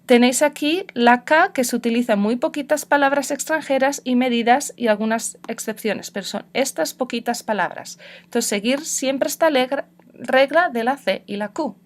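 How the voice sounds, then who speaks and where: A woman's voice: high-pitched, moderate pace. A young woman from northern Spain with a northern Spanish accent, teaching a class on Spanish spelling with patient explanations and many examples.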